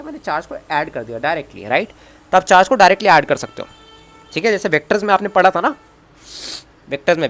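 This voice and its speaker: A man's voice: fairly high pitch, a bit bright. A man teaching a physics lecture, coaxing students with constant check questions and jokey asides. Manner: jokey asides and self-talk while writing. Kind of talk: online lecture at a whiteboard.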